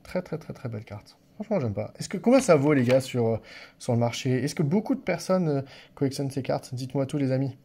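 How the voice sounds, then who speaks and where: A man's voice: mid-range voice, lively intonation, quick pace, warm tone, slight background noise. Stammering man chatting over card packs. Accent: non-standard French accent. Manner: hesitant, repeats words and stammers a little; chatty, often addresses viewers directly. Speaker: card-opening channel host. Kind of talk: casual unboxing commentary. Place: office.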